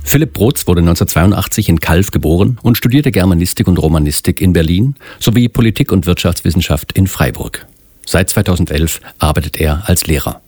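A man's voice: sits low, darkish tone, no room sound, studio quality. A man announcing a literature podcast, reading a formal scripted introduction of the author.

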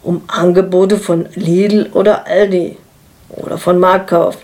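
A woman's voice: on the low side, steady tone, a little slow, warm tone, natural voice. A woman reading the lines of a laid-back, distracted middle-aged husband, speaking in a dry, matter-of-fact way. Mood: offhand.

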